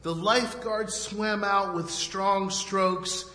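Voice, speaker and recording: A man preaching a sermon in short phrases, pausing so an interpreter can translate. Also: sits high, steady tone, pushed and bright, faint music behind. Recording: echoey hall with long reverb.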